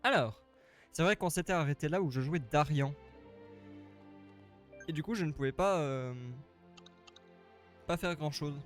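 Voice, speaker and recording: A man's voice: on the high side, a little slow, long pauses. A man streaming a video game live, chatting casually and rambling, a little tired. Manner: chatty, rambling, repeats himself. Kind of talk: casual live let's-play commentary. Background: faint game music.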